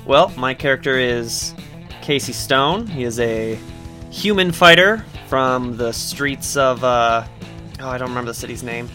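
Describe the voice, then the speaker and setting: A man playing a tabletop role-playing game chats casually about his character, his mid-range voice unhurried, pushed and bright. Music plays under his voice.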